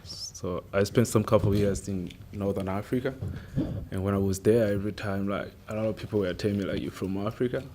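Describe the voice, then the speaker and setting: A man's voice: fairly low pitch, steady tone, brisk. A man from Tanzania asking a question from the floor at a panel, thoughtful and searching, with frequent fillers. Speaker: audience member asking a question. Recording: noisy room recording.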